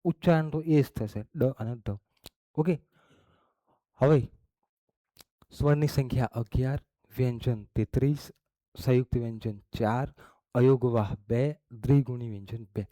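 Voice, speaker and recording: Male teacher, unhurried patient lesson delivery, mellow tone, close dry mic. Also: mid-range voice, no echo. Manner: slow, explains step by step with frequent "okay?" and "barabar?". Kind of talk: classroom lesson.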